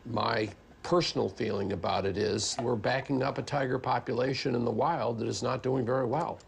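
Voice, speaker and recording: A man's voice: medium pitch, fairly even intonation, normal speed, creaky, a little hiss or hum. An older man, a scientist, explaining his views conversationally in a documentary interview. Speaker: geneticist interviewee.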